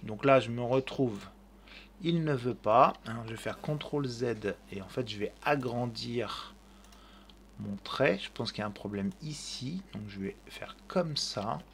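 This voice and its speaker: A man hosting a screen-recorded software tutorial, thinking aloud and narrating each click with fillers, speaking into a desk mic at his computer. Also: medium pitch, animated, a little slow, gravelly, slight background noise.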